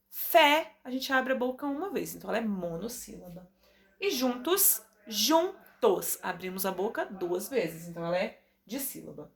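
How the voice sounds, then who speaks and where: A woman teacher with a Brazilian Portuguese accent, giving a recorded class to young children and drawing out words slowly to sound out their syllables. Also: mid-range voice, gravelly. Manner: drawn-out, stretching words to sound them out for children. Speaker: primary school teacher.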